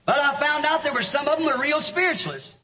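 A preacher with a very high, bright voice, telling stories that climb into shouted lines. The sermon was recorded lo-fi, so the sound is muffled and dull. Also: male voice, expressive, fairly quick. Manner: storytelling, rising to shouts. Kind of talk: sermon with an interpreter.

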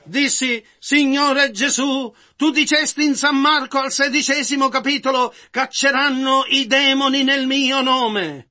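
A man interpreting a sermon with a very high voice and an intensely bright, sharp tone. He gives back each of the preacher's phrases in a measured, steady delivery.

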